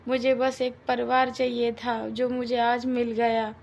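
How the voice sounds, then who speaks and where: A woman's voice: fairly high pitch, little pitch movement, a little slow, vocal fry, darkish tone, muffled recording, slight background noise. A woman voicing a meek young daughter-in-law in a homemade cartoon, pleading and tearful. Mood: grateful. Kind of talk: cartoon voice acting.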